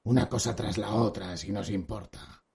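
A chill patient monster hunter, deep gravelly husky voice, super formal. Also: male voice, normal speed, darkish tone, exaggerated voice. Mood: calm. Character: calm, patient adult male monster hunter. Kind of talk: audiobook radio drama acting.

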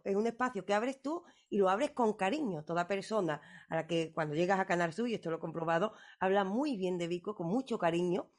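Woman, radio host, fast pace, enthusiastic interviewer. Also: mid-range voice.

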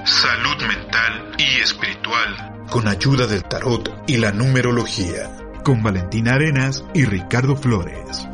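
A man reading the station announcer's voice-over in a slow, deliberate way. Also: mid-range voice. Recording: distant voice over clear music.

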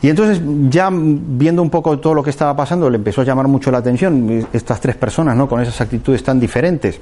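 A man's voice: mid-range voice, quick pace, dark tone. A man from giving a reflective talk, thinking aloud with fillers and restarts as he tells a short parable. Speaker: speaker giving a motivational talk.

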